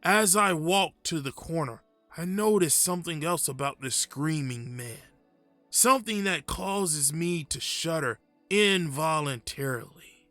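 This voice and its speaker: A man voicing a frightened, confused, haunted man telling a first-person horror story in a slow, hushed, uneasy way, with halting pauses. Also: a little high, animated, no echo, soft background music. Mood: creeping dread.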